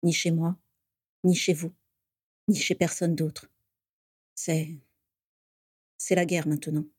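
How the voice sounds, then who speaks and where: A woman voicing a brooding, resolute teenage boy wizard with a low, muffled way of speaking. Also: normal speed, warm tone, no room sound, studio quality, lightly acted. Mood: grave.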